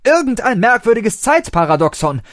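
Guy doing a hyper eccentric time traveler, way higher than his own voice, loud and bouncy. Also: huge pitch swings, measured pace, no echo, studio quality. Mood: excited. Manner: exclamatory, breathless enthusiasm.

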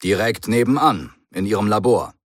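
A man's voice: fairly low pitch, moderate pace, no room sound, studio quality, lightly acted. A man voicing a stiff, dutiful middle-aged military brigadier who speaks in a clipped, formal, commanding way.

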